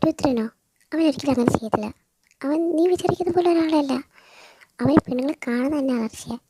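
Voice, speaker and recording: A woman's voice: high voice, brisk, background noise, natural voice. A woman voicing a young woman who chides and reassures her friend in colloquial Malayalam. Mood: reassuring. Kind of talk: audio story role-play.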